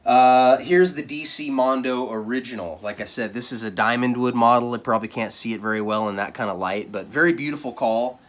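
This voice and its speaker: A man's voice: mid-range voice, brisk, hardly any pauses, far from the mic. A man giving a casual product review in a plainspoken, conversational way.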